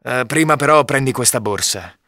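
A man voicing a suspicious, hot-tempered nobleman in a storybook reading, who shouts and threatens. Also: mid-range voice, animated, moderate pace, no room sound, studio quality. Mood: softened.

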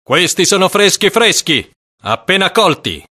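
A woman reading an audiobook puts on a coarse male auctioneer shouting sales patter. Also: lowish voice, very animated, measured pace, breathy edge, exaggerated voice. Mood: hawking. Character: brash loud male slave auctioneer, coarse.

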